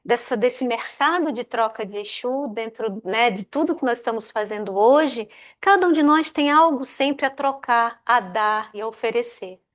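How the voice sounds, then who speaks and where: A woman's voice: fairly high pitch, moderate pace, hardly any pauses. A woman telling a folk tale aloud. She acts out the characters' voices and often adds small tag questions. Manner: lively, acts out the characters' quoted lines; many fillers like "né?". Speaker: guest speaker telling a tale. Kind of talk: oral storytelling.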